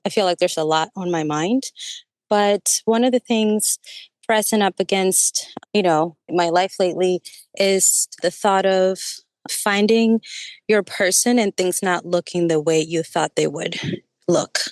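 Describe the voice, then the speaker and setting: A woman's voice: lowish voice, a little slow, darkish tone, dry recording. Hesitant woman in her thirties opening up. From United States. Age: 30s. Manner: hesitant, searching for words, many fillers. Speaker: coaching client. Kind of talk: personal conversation.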